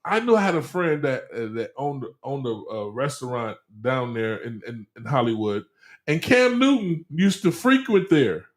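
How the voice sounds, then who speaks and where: A man's voice: mid-range voice, big pitch swings, moderate pace, reverberant. A man co-hosting a casual sports talk show, pressing his partner with pointed questions and playful ribbing.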